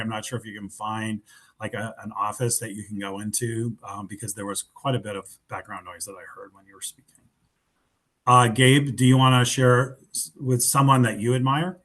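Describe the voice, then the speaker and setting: Male webinar host, mid-pitched, casual and unpolished, lots of ums, video call. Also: fairly even intonation, a little fast, fairly bright tone. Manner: informal, loose, with many fillers. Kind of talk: webinar presentation.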